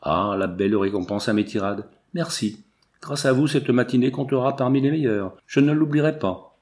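A man reading a novel aloud, voicing a witty, teasing young woman with quick retorts. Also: mid-range voice, darkish tone, lightly acted.

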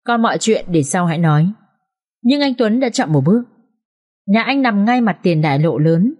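Female audiobook narrator, mid-pitched, expressive dramatic read. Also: moderate pace, highs cut off. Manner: expressive, emotional reading.

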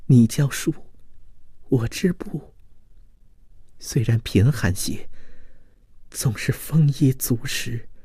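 A man voicing a heartbroken young woman who pleads softly with her lover, turning shrill when pressed. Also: husky, no echo, clean studio sound.

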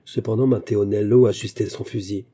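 A man narrates a short story in a slow, measured reading. His voice is low, very dark and mellow, with a husky grain. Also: steady tone. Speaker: audiobook narrator.

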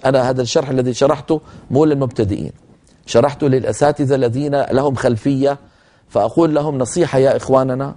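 A man lecturing on Quran recitation rules, explaining points and demonstrating pronunciation by slowly reciting words to his students. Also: medium pitch, mellow. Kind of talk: lecture on tajweed.

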